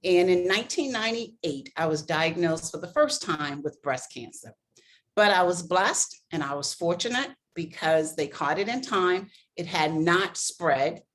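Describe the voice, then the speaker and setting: An older woman from Boston, slightly low in pitch, speaking as a guest on an interview podcast. She speaks earnestly and gratefully, in a measured, steady way. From Boston, East Coast. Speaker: life coach guest.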